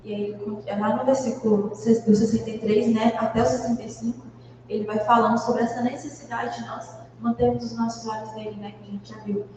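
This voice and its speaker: A Brazilian woman with a fairly high voice teaches a Bible class, heard from a distance in a big echoey church hall. She talks conversationally and thinks aloud, with fillers and restarts. A faint room hum sits under her voice. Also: level tone, fairly quick, darkish tone. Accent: Brazilian Portuguese. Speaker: Sunday school teacher.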